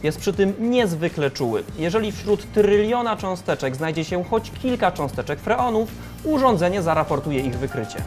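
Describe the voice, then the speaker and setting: Bright-voiced male science presenter over music. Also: high voice, big pitch swings, normal speed. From Poland. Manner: clear, explanatory presenter delivery. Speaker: science video host. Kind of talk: scripted educational narration. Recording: music bed under the voice.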